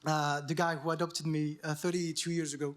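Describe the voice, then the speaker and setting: A man's voice: fairly high pitch, level tone, a little fast. A man with a French accent giving an unscripted acceptance speech on an awards stage, hesitant, with many fillers and restarts. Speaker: award winner, journalist.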